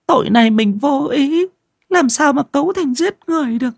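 Shrill, stammering old wife, frantic and pleading, husky edge, put on by a male narrator. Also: a little slow, a little mellow, dry recording, clean studio sound, exaggerated voice. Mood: fearful pleading. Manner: panicked, pleading.

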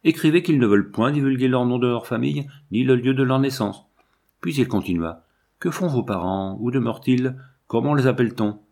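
A man's voice: medium pitch, fairly quick, a little mellow, natural voice. A man reading aloud and voicing a grave, officious country gendarme who questions children. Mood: stern. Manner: grave, interrogating.

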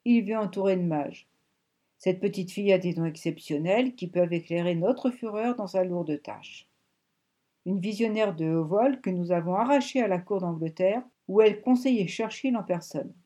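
Scheming old German ex-soldier, read by a woman, urgent and loud, mellow dark tone. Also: mid-range voice, normal speed, close to an everyday voice. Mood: excited. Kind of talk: audiobook reading.

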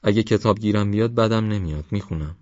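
A man's voice: on the low side, darkish tone, no echo, lo-fi sound, voice pushed up, close to an everyday voice. A man doing a mild, easygoing young man.

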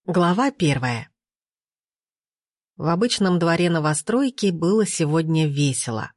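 Slow, measured woman audiobook reader. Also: on the low side, animated, a little mellow, no echo, studio quality. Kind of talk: audiobook narration.

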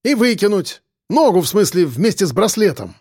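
A nervous, high-strung young man, as a male narrator voices him, high and strained in tone. His voice is pitched up and sounds dark in a dry, close audiobook recording. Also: big pitch swings, moderate pace, slightly rough, no echo, exaggerated voice. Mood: frantic. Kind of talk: audiobook character voice.

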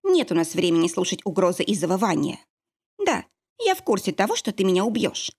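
A woman's voice: medium pitch, big pitch swings, brisk, darkish tone, breathy edge. A woman reading an audiobook, voicing a fierce young heroine who snaps and growls orders. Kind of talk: audiobook character voice.

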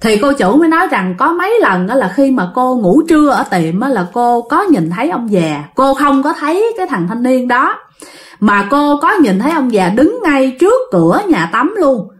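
A woman's voice: high-pitched, very animated, moderate pace. Chatty woman telling a ghost story. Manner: chatty, addresses listeners directly. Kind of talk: casual ghost story narration.

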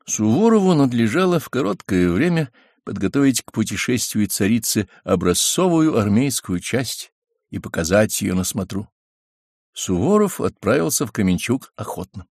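Male audiobook narrator, lowish voice, lively varied delivery, dry close studio sound. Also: no room sound. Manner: measured, expressive reading.

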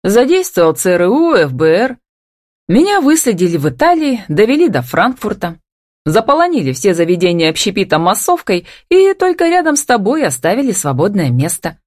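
Ехидная героиня, которую читает женщина, говорит резко и насмешливо. Сухое студийное звучание, тембр довольно низкий. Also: female voice, on the low side, sing-song, normal speed, dry recording, studio quality. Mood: snappish. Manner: snappy, sarcastic. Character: sharp-tongued sarcastic young woman.

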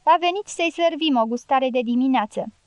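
A woman's voice: high voice, dry recording, lightly acted. A woman reading an audiobook voices a stern young male fighter who speaks curtly. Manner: curt, sharp questions.

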